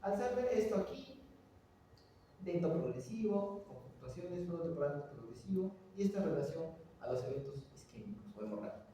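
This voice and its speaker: A middle-aged man teaches in a large, echoey room, heard from some distance away from the mic. His voice sits a little high for a man, and he keeps quizzing his listeners with quick questions. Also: slight background noise. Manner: animated, quizzing students with rhetorical questions. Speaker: lecturer. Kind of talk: classroom lecture. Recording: echoey hall, voice from far off.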